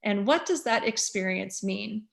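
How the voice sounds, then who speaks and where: Speaking to a community gathering, a woman in her fifties who serves as school superintendent comes across as candid and earnest, with many "um" pauses. Her mid-range voice is expressive and carries vocal fry.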